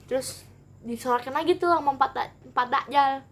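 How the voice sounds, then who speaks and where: A young woman telling a childhood story in a casual vlog, animated and rambling. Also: high-pitched, fairly quick, slight background noise. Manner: animated, rambling, acts out every quote. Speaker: vlogger.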